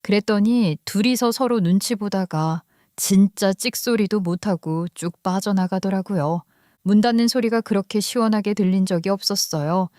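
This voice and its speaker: A woman's voice: medium pitch, normal speed, dark tone, no echo, studio quality. A woman in her forties narrating her own story in a blunt, matter-of-fact way. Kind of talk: first-person story narration.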